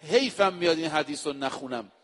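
A male preacher giving a sermon, speaking to his listeners directly and reciting scripture quotes slowly and with emphasis. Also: a little high, expressive, big-room sound. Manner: addresses the audience directly. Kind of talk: religious sermon.

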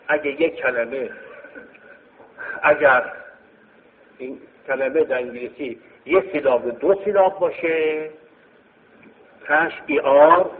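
Lively man teaching grammar over tinny sound. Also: a little high. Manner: explaining step by step, repeating key phrases. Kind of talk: grammar lesson. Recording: tinny phone-like sound in a reverberant hall.

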